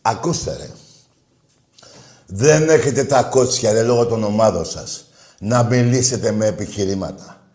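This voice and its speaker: A man hosting a call-in radio show, combative and insulting toward callers, swinging between loud outbursts and low muttering. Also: long pauses, roomy sound, slight background noise. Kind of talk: heated call-in show banter.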